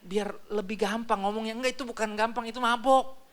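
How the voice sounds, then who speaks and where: Slangy joking pastor. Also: male voice, high-pitched, steady tone, brisk, a bit bright, a little hiss or hum. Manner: casual, joking, slangy preaching. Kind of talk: sermon.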